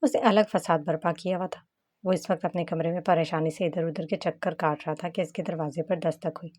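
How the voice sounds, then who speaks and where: A woman's voice: lowish voice, brisk, no echo. A woman narrating a romance novel as an audiobook reader. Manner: steady storytelling.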